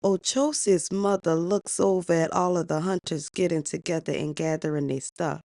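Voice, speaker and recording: A woman's voice: fairly low pitch, normal speed, dark tone, no echo. A woman telling a folk tale in a chatty, sassy way with asides to the listener. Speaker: storyteller. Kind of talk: casual oral storytelling.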